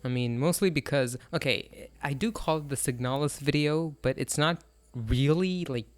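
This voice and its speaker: A man's voice: fairly high pitch, normal speed, no echo. A man co-hosting a podcast in casual chat, hesitant and self-conscious, often stammering into restarts. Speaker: podcast co-host.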